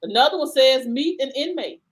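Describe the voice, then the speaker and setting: A woman with a somewhat high voice hosts a relaxed chat show, reading items aloud in a playful, amused way. Her tone is light and conversational. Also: a little fast, slight background noise, poor audio. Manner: playful, laughing while reading out a list. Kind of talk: casual chat.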